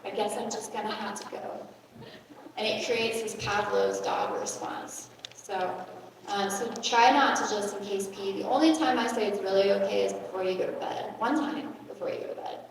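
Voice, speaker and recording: A woman's voice: mid-range voice, moderate pace, crowd noise. A woman giving a live workshop talk to an audience, playful and acting out little dialogues as she explains. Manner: playful, acts out the bladder and brain in voices. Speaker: workshop speaker on bladder health. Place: large hall at a health fair. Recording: echoey hall, speaker far from the mic.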